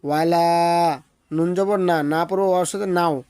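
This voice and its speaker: A man teaching recitation step by step, spelling letter by letter with patient explanations and slowly drawing out each recited word in a sing-song way, in a Bangladeshi Bengali accent. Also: a little high, fairly even intonation, a little mellow, clean tone, no room sound. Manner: slow sing-song drawn-out recitation of words.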